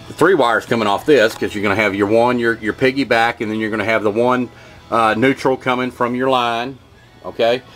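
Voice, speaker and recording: In a wood-paneled home workshop, an HVAC tech from Kentucky rambles his way through a homespun how-to demonstration, leaning on "uh" and "okay, y'all." His voice is medium-pitched and slightly bright.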